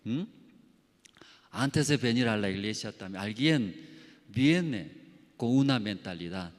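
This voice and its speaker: A man preaching a sermon as pastor, telling stories with sound effects and acted quotes, in simple, halting phrasing. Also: fairly low pitch, lively intonation. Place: church hall. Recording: long church hall reverb.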